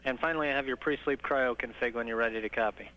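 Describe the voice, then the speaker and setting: A man working as a mission control communicator, giving measured, halting procedural instructions over the radio. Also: mid-range voice, steady tone, pushed and bright. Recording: dull, noisy archival space-to-ground radio recording.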